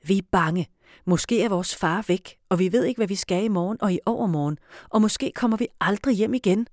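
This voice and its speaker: Lady doing a whiny hungry little boy in a storybook, stubborn and loud. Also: mid-range voice, no echo, clean studio sound, natural voice.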